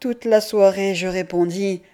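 A woman reading a novel aloud as an audiobook narrator, in a measured, expressive literary manner. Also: medium pitch. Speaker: audiobook reader.

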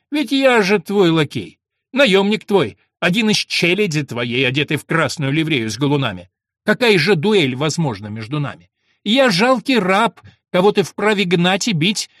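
A man's voice: fairly high pitch, a bit bright, no echo, clean studio sound, exaggerated voice. A man reading a verse play aloud and voicing a servant torn between vengeance and love, in a declamatory manner. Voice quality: husky, declamatory. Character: Ruy Blas, lovesick servant turned avenger, adult man.

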